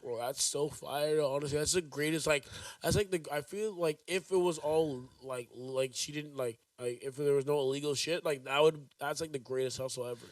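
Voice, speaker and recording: A man's voice: a little high, fairly quick, dry recording, far from the mic. Rambling young man, set back from the mic. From Jamaica. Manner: rambling, filler-heavy musing. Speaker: podcast co-host. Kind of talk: casual chat.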